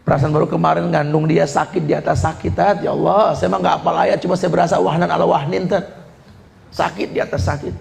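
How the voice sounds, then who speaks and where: A man's voice: fairly high pitch, steady tone, fast, creaky, darkish tone. A preacher voicing an aging mother who pleads about the pain of raising her son. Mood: plaintive. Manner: plaintive, pleading. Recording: echoey room.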